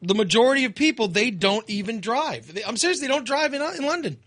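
An American man hosting a casual radio chat, rambling and halting, with frequent fillers and restarts. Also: extremely high pitch, lively intonation, a bit bright, no room sound, clean studio sound. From United States. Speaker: radio host.

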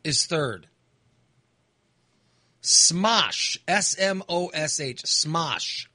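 An American man hosts a loose radio chat, his bright voice swinging up and down as he talks. He rambles and restarts, and a dry, close studio mic leaves little room sound. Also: a little high, lively intonation, no room sound. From United States. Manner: rambling, halting, with restarts and fillers. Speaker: radio host.

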